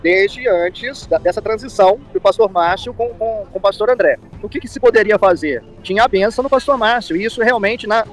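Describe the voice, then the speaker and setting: A man's voice: high-pitched, fairly quick, few pauses. A man with a Brazilian accent giving commentary in an interview as a pastor, explaining with repetition and frequent tag questions. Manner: explanatory, repeats himself, seeks agreement with tag questions.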